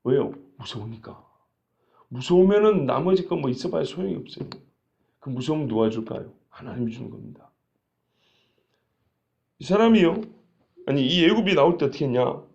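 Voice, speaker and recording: A man's voice: fairly high pitch, lively intonation, moderate pace, vocal fry, pauses often, darkish tone, dull audio. A male pastor giving an expository Bible sermon in a conversational way, often asking rhetorical questions.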